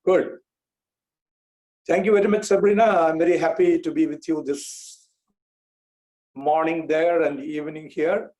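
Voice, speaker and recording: A man in his sixties with a Malayalam Indian English accent from Kerala, explaining in a measured, deliberate way as a lecturer on a video call. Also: on the high side, fairly even intonation, darkish tone. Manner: measured, deliberate, with repeated phrases for clarity. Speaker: guest speaker giving a lecture. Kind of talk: explanatory online talk. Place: indoor room with bookcase, on a video call.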